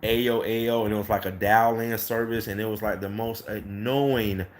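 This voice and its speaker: A man's voice: on the low side, fairly even intonation, moderate pace. Rambling man in his thirties, noisy recording. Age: 30s. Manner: rambling, repeats "next thing you know", acts out quoted dialogue. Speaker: carpet cleaning business owner. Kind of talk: casual storytelling to camera.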